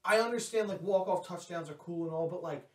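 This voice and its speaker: A young man co-hosting a casual sports podcast, rambling excitedly with restarts and swearing. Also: sits high, a little fast. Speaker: podcast co-host. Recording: echoey room, distant from mic.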